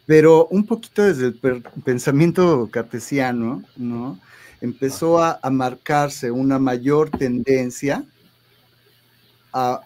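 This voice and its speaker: A man speaks as a guest therapist at an ordinary middle pitch. He explains at length, often restarting a phrase and closing points with tag questions. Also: slow, darkish tone. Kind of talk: explanatory interview talk.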